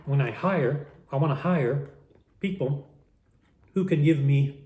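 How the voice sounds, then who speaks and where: A man's voice: a little high, slow, mellow, echoey room, dull audio. A man talking casually between bites, musing about life and purpose, sometimes with his mouth full and repeating words. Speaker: vlogger eating a meal on camera. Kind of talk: casual philosophical monologue while eating.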